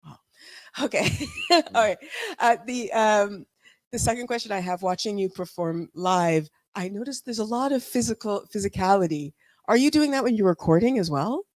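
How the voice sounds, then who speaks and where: Woman, audience question, hesitant, halting, dry sound. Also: mid-range voice, animated, darkish tone, no room sound. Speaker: audience member asking questions. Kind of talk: question at a convention panel.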